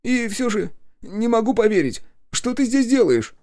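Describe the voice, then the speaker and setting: A man doing a hoarse, wry young journalist. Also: big pitch swings, moderate pace, warm tone, full character voice. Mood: rattled. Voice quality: hoarse, strained higher voice.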